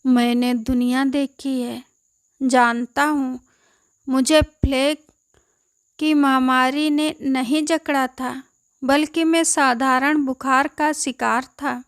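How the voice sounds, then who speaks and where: A woman's voice: sits high, little pitch movement, takes it slowly, clear, resonant tone, dry recording. A woman voicing a frail abandoned old village man. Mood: explaining. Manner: pleading and bewildered.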